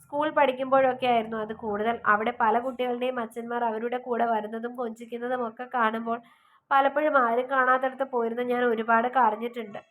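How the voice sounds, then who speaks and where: A woman's voice: fairly high pitch, little pitch movement, fast, fairly bright tone, close to an everyday voice. A woman voicing a teasing young woman who talks in a sad, reflective way about missing her father. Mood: wistful.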